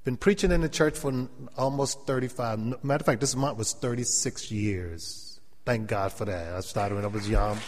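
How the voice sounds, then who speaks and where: With some chatter and slight noise behind him, a medium-pitched man preaches at a moderate pace, barely pausing. He is a middle-aged church elder from South Carolina, United States, with a Gullah Geechee accent, giving an anecdotal, humorous sermon to an audience in a large hall. He repeats phrases and calls for amens, and the hall echoes with long reverb.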